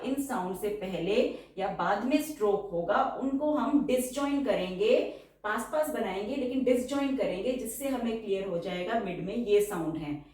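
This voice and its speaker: A woman teaching a shorthand lesson, explaining each stroke step by step and repeating each word slowly to dictate it. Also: medium pitch, a little mellow. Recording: distant, very echoey room.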